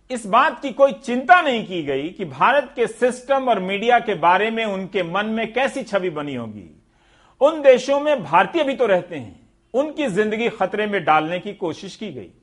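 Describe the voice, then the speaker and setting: A man's voice: high-pitched, fairly bright tone. A man delivering scripted TV news commentary in a sarcastic, rhetorical way, speaking straight to the viewer.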